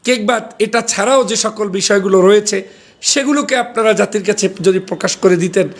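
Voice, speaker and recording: A man with a notably high voice delivers a political commentary monologue. He argues his points emphatically and builds his case step by step. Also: fast. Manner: argumentative, emphatic.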